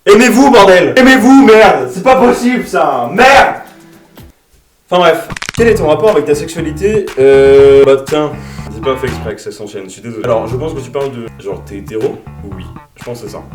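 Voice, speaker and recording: A man's voice: mid-range voice, fast talker. Young man ranting in a roomy room. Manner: crude, self-mocking, bursts into mock-angry shouting. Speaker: YouTuber answering viewer questions. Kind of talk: casual Q&A vlog. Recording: roomy sound from a distant mic with music. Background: background music.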